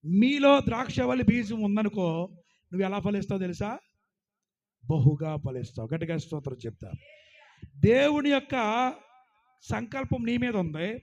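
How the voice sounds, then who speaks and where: High-voiced preacher, rising and falling. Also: male voice, animated, moderate pace, long pauses, muffled recording. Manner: preaching with call-and-response, asks the congregation to praise loudly; surges loud on scripture, drops low and quiet for anecdotes. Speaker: pastor. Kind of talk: sermon.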